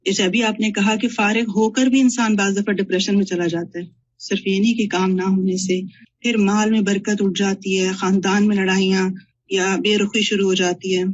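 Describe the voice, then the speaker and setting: A woman with a husky, breathy voice speaks earnestly in a religious class discussion, recounting points from a lecture as a student. The recording sounds dull and lo-fi. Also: mid-range voice, steady tone, normal speed.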